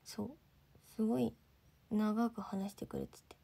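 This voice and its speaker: A woman's voice: medium pitch, wildly swooping pitch, unhurried, creaky, dark tone, breathy edge. A teenage girl with a lilt, chatting casually on a livestream, thanking viewers and sometimes dropping almost to a whisper. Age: teens. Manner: chatty, reads and thanks viewer comments, drops to near-whispers. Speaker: idol livestreamer.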